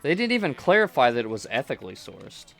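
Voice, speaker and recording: A man talks through a chill game session in a rambling, self-correcting way, close to his microphone. His voice has a gravelly, fry-edged texture, and his pitch swings about lively. Soft music sits faintly behind him. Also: fast. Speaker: gameplay streamer. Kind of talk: relaxed gameplay commentary. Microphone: close desk microphone.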